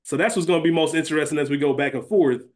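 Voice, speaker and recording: Racing along in a slightly high voice, a man co-hosting a podcast breaks down a TV series. His tone is informal and conversational, aimed at explaining.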